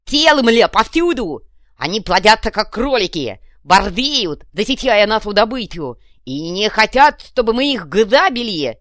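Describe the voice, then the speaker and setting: Ranting male gang boss for an audiobook, loud and high-strung, read by a woman, lively pitch. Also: measured pace, no echo, clean studio sound. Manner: shouting and ranting. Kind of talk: audiobook reading.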